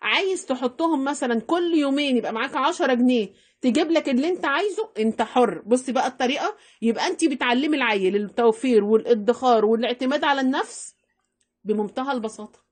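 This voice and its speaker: A middle-aged woman with an Egyptian accent giving chatty, animated household money-saving advice, repeating herself for emphasis. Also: high voice, fast. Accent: Egyptian Arabic. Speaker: home-economy vlogger. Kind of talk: casual advice talk to camera.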